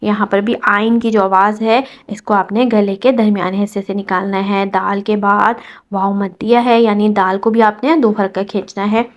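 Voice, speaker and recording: A woman teaching Quran recitation rules step by step, patiently explaining and reciting verses slowly. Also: mid-range voice, little pitch movement. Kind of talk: tajweed lesson explaining rules.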